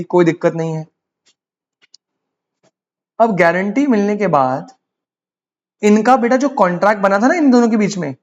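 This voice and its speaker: A man's voice: high-pitched, lo-fi sound. A man with an Indian accent teaching commerce law in a casual lecture, calling students "beta" and asking them rhetorical questions. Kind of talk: casual Hindi-English lecture.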